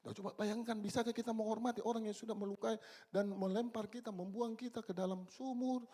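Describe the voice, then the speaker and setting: A man in his sixties preaching a church sermon, swinging between loud exclamations and low, quiet asides. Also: steady tone, a little fast. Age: 60s. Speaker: pastor. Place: church service.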